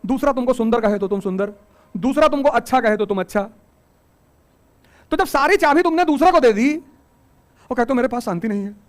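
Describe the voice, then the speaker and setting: A middle-aged man teaching a coaching class, giving an animated motivational talk full of rhetorical questions and joking asides. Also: extremely high pitch, fairly quick, pauses often.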